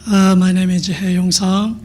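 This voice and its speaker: A Korean-accented man, a native Korean speaker, gives brief, halting thanks at a naturalization ceremony. His voice sits high and stays fairly level. Faint music plays behind him. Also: little pitch movement, darkish tone. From South Korea. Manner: halting, simple phrasing with pauses. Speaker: new citizen at a naturalization ceremony. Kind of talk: short thank-you remarks.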